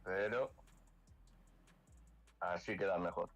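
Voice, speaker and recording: A man from Cantabria in northern Spain with a Cantabrian accent, chatting casually with some halting restarts. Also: deep voice, fairly even intonation, a bit bright, highs cut off, soft background music. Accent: Cantabrian Spanish. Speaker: guest gamer. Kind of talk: casual chat.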